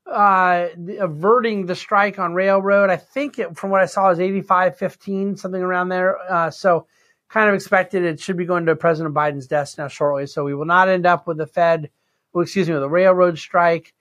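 A man hosting an unscripted financial commentary, conversational, with deliberately stressed phrases. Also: sits high, fairly even intonation, fairly bright tone. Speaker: host and market commentator.

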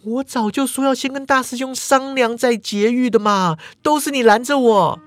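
A man voicing a lively, flustered young swordswoman in a storytelling podcast, in a raised whiny voice. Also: moderate pace, no room sound, clean studio sound. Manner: bubbly, whiny, high-pitched.

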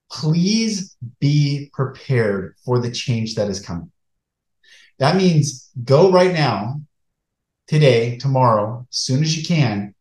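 A man speaking to his online viewers in an earnest, preacher-like monologue, with emphatic, deliberate phrasing. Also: medium pitch. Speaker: online show host. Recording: echoey room, flawed stream audio.

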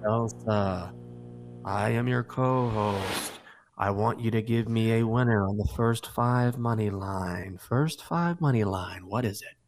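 A man's voice: fairly low pitch, slow pace, a little hiss or hum. A man co-hosting a sports betting show, delivering picks and banter with confident, theatrical tipster hype.

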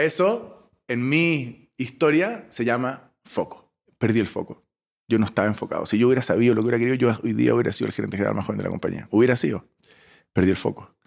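A man from Chile, a startup founder in his forties, telling stories as an interview guest with an expressive delivery that swings between loud bursts and soft asides. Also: fairly low pitch, vocal fry. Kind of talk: animated storytelling interview.

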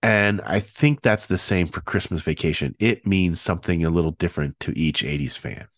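A man's voice: deep voice, normal speed, dry recording, studio quality. A man hosting a casual podcast, sounding nasal and stuffed up with a head cold. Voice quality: nasal, congested voice. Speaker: podcast host.

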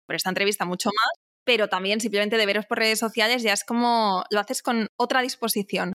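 A woman's voice: medium pitch, fairly even intonation, a little fast, sharp tone, no room sound, studio quality. A woman interviewing a guest, with an encouraging, affirming way of talking.

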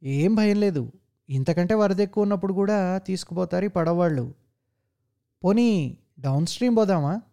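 A man voicing a smooth-talking young con man who breezily persuades the people he guides. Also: sits high, expressive, normal speed, long pauses, mellow, voice pushed up. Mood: breezy, persuasive.

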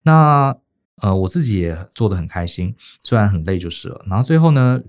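Middle-aged Taiwanese-accented male podcast co-host, low and lively delivery, casual career storytelling. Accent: Taiwanese Mandarin. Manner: lively, often pausing on "好" and "呃".

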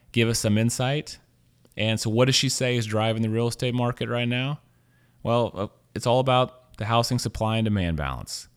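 Male host, fairly low clean voice, conversational interview delivery. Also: clean tone.

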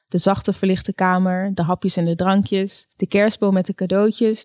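A woman reads a story aloud at a calm, even pace. Her voice sits in the middle range, and the recording is dry and close with no room echo. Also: mid-range voice. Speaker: audiobook narrator. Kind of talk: scripted narration.

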